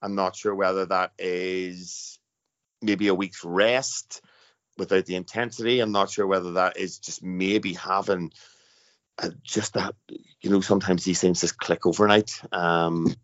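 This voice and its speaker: A man's voice: sits low, flat delivery, unhurried, a bit bright, dry recording. A man hosting a casual football podcast in an informal, emphatic way. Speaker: podcast host. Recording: dull lo-fi podcast sound, dry.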